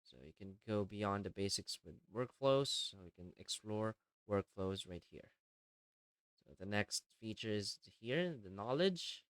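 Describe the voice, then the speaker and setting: A tutorial presenter with a fairly low voice guides listeners through software steps in a plainly instructional way. His clean, smooth tone is expressive and measured, and the dry voice-over has essentially no room sound.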